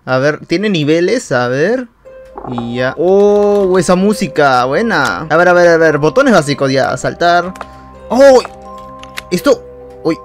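High-voiced guy rambling over gameplay. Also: slow pace. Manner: excitable and rambling, laughs often. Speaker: YouTuber. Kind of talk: gameplay commentary. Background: game music.

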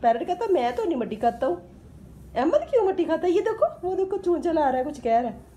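A woman's voice: extremely high pitch, very animated, fast talker, mellow, muffled recording, slight background noise. Sing-song Pakistani Urdu woman teasing a toddler. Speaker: vlogger. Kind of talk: playful baby-talk narration to a child. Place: home during a power cut.

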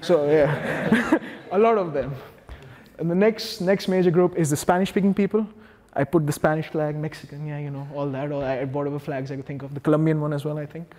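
A public speaker in his thirties with an Indian accent talks in a chatty, self-deprecating way, with many restarts. His fairly high voice has a darkish tone and moves a little fast. He's on stage in a large, dark hall with a projector screen, using a small lapel mic, and the sound carries long hall reverb.

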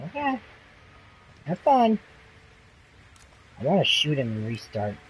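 Man, high voice, swearing, frustrated gamer, headset chat. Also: wildly swooping pitch, slow pace, slight background noise, low-quality recording. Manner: profane, frustrated ranting. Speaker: gamer streaming co-op play. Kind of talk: casual gaming chat.

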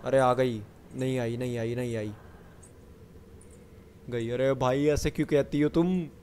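A man's voice: mid-range voice, fairly even intonation, a little slow, a little mellow, a little hiss or hum. A man giving running commentary on a horror game, chatting to himself and the viewer and breaking into panicky bursts when the enemy shows up. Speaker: gamer.

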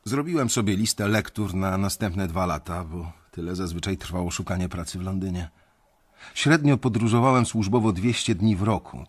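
In a radio drama, an actor voices a weary young banker who narrates his own story. His husky, low voice carries a reflective, confiding tone.

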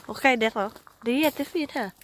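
Her voice is high-pitched and fast, with a slight hiss or hum. Outdoors on a rural estate, this sick Filipina vlogger, a native Tagalog speaker, chats away for her travel vlog, hunting for words and mixing English, Tagalog and Swedish.

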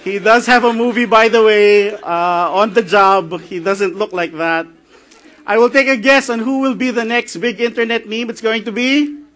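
A Filipino-accented man gives a conference talk in a light, joking way, his voice high and bright. He chats easily with the crowd and slips in bits of Tagalog. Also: normal speed. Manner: joking, chatty, mixes in Tagalog phrases. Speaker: conference speaker. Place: conference hall.

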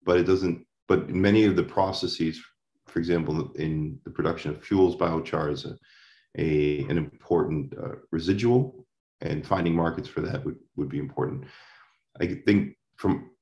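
A man in his thirties answers questions over a video call, low-voiced and halting, restarting his sentences. His voice echoes around a bare room. The laptop audio is a little dull. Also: a little mellow. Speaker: forestry consultant. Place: home room. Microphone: laptop webcam video call.

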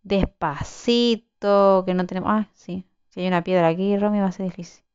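Young gal chatting thru her game, cursing n yelling at stuff, smooth voice, kinda muffled mic. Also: medium pitch, fairly even intonation, normal speed. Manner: chatty, swearing, exclaiming at the game. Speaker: gaming channel host. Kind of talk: casual let's-play commentary.

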